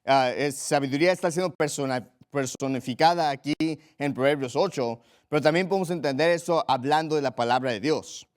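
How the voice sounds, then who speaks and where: A man's voice: medium pitch, brisk, hardly any pauses. A young adult man preaching a sermon as pastor, emphatic, repeating phrases and reading scripture aloud.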